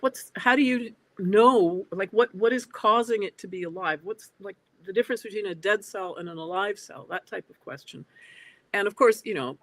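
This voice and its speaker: Woman in her 60s on a video call. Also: fairly low pitch. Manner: thoughtful, with frequent hesitant fillers. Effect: heard over a video call. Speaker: guest. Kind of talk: reflective interview talk. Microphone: computer on a video call.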